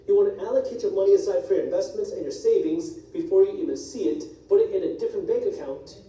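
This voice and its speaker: A male personal finance educator whose first language is Punjabi delivers a scripted explainer video, brisk and direct as he walks through numbers. His voice is high, dark-toned, and expressive. The video is played on speakers in an echoey church hall and heard from a distance.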